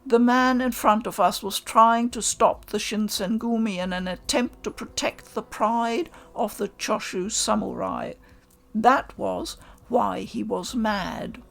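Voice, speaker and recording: Slow, gravelly-voiced woman narrator. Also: medium pitch. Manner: calm, first-person storytelling. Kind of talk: reading a visual novel aloud.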